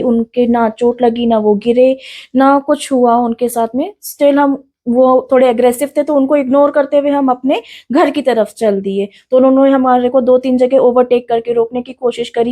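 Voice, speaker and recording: A young woman with a high, soft-toned voice tells an interviewer what happened to her. She speaks earnestly and in detail, restarting her words now and then. She sounds frightened and still in pain. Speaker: interviewee, victim of an assault. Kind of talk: recounting an incident in an interview.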